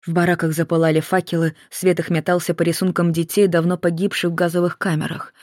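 A narrator reading a novel aloud in a steady, measured way. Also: medium pitch, dry recording, clean studio sound. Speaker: audiobook narrator.

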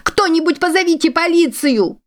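A woman voicing a stout middle-aged woman, curt and wary, who turns shrill when alarmed. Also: normal speed, no echo, studio quality, natural voice. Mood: panicked.

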